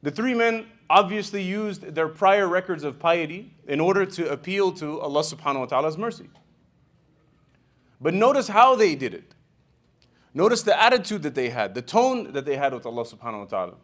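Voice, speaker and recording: High-voiced man preaching conversationally. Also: brisk. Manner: conversational, with frequent "you know" and "right?"; animated storyteller, swings in loudness. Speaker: imam. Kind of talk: sermon retelling a hadith.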